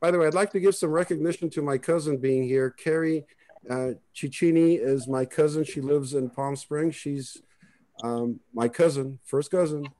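A man's voice: a little high, normal speed, dark tone. A man from Israel, giving a rambling, conversational family history talk on a video call. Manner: rambling, conversational, many restarts. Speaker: presenter.

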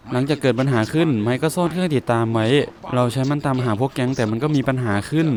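A man doing gameplay commentary, reading the game's dialogue aloud and reacting, giving directions while he drives. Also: medium pitch. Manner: reads dialogue lines aloud, mixed with quick reactions and driving directions. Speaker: gameplay streamer. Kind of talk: Let's Play commentary, reading game subtitles aloud. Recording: game engine and vehicle noise behind the voice.

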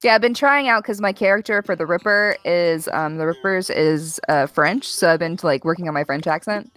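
A woman's voice: lowish voice, normal speed, a bit bright. A young woman chatting casually during a game stream, giggly and teasing, laughing often. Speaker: guest streamer. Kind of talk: casual chat while gaming.

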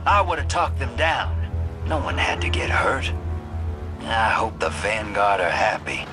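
A man's voice: lowish voice, very animated, a little slow, over music. An actor playing a shady, cynical male drifter and old survivor in a video game, with a sly, folksy drawl. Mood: sardonic, suspicious. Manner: sly, folksy drawl, addressing the listener as kid and partner. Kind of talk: video game character monologue.

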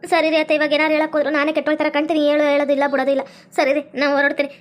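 A desperate young daughter-in-law in a North Karnataka accent, begging over and over, as a woman puts her on. High-pitched and rushed. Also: monotone, close to an everyday voice. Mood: hurt. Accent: North Karnataka Kannada. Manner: begging, repeating calls.

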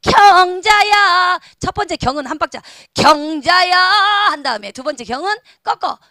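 High-voiced woman singing teacher. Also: big pitch swings, sharp tone, no echo, studio quality. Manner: explains quickly, then sings phrases for the class to repeat. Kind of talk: online singing lesson. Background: backing track music.

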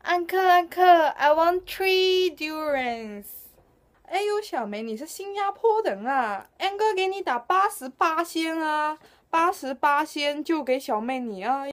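A woman's voice: sits high, animated, normal speed, pitched above the performer's own voice. A woman acting out pushy, exasperated Singaporean locals in comic skits, speaking exclamatory Singlish with a Singaporean accent. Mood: eager haggling. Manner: Singlish, exclamatory with lah and leh particles. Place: cluttered room indoors.

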